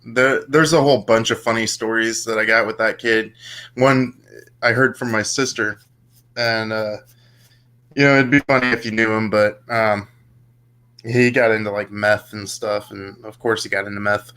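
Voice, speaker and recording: Bright-voiced young man telling stories. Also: lowish voice, fairly even intonation, normal speed. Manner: rambling, lots of fillers and restarts. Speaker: podcast co-host. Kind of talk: casual storytelling chat.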